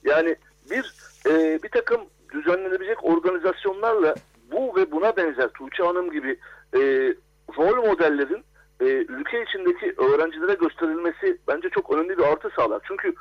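Man, high voice, academic guest, hesitant, lots of fillers, dull phone line. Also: lively intonation. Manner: hesitant, many drawn-out fillers. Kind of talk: radio interview.

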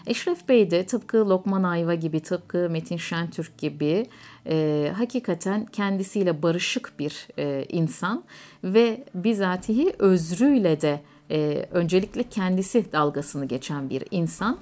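A woman hosting a radio program, narrating in a measured way with frequent hesitant fillers. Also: lowish voice, expressive, darkish tone.

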